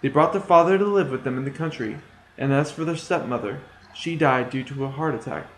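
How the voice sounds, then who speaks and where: Here a male student narrates a reworked fairy tale, sounding plain and a bit hesitant. He has a mid-range voice and talks a little fast, while the echoey room recording carries a slight hiss or hum.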